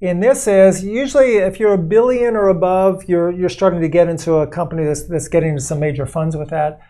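A man with a mellow, warm voice talks through a topic on a podcast. He explains in a measured, conversational way, now and then slipping into quoted voices. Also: high-pitched, fairly even intonation. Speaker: podcast co-host explaining investing.

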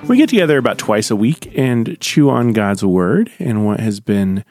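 A man hosting a church podcast in an informal chat, his voice gravelly as he gets over being sick. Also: fairly low pitch, very animated, normal speed, a little mellow, no room sound, faint music behind. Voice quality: gravelly from a recent illness. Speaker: podcast host. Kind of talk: casual conversational church podcast.

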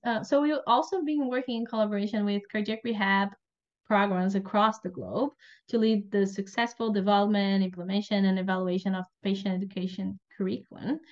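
A woman hosting a podcast interview, asking questions in a polite, measured way. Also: medium pitch. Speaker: podcast host. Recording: slightly dull lo-fi audio.

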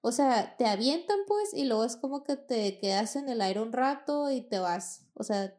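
Young mexican woman rambling through a story, lots of slang and cussing, kinda high, warm mellow tone. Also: expressive, moderate pace. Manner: slangy and profane, acts out quoted dialogue. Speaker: podcast host. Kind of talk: casual storytelling.

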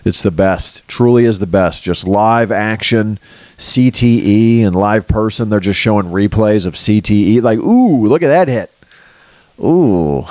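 In a crude, sarcastic comic monologue, a man hosting a podcast swears freely and drifts loosely from one topic to the next. He speaks a little slowly in a fairly low, fairly even voice, recorded without echo.

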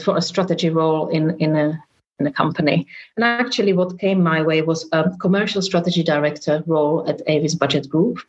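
A woman in her forties from the Czech Republic with a Czech accent, speaking as an interview guest and reflecting conversationally with frequent fillers. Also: fairly low pitch. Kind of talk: casual interview talk. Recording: muffled lo-fi audio.

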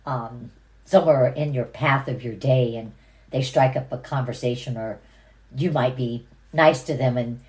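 A woman co-hosting a faith-based podcast, speaking in a calm, reflective, affirming way. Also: a bass voice, moderate pace, poor audio. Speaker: podcast co-host. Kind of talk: casual faith-based conversation.

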